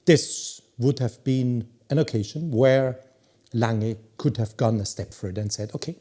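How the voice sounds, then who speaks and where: A man's voice: mid-range voice, warm tone. A man reviewing a watch, opinionated and emphatic. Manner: opinionated, emphatic, drawn-out pauses. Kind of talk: product review talk.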